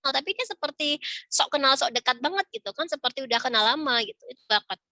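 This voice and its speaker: A woman's voice: sits high, expressive, fast talker, pushed and bright, dry recording. A middle-aged woman speaking on a video call, giving a casual parenting talk and acting out little dialogues with children. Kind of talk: informal webinar talk.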